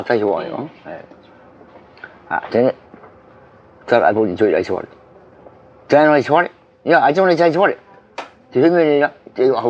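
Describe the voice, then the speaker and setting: Rambling man on a dull recording. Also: lowish voice. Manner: rambling and halting, many fillers and profanity. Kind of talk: casual rambling storytelling. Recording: dull recording with faint background noise.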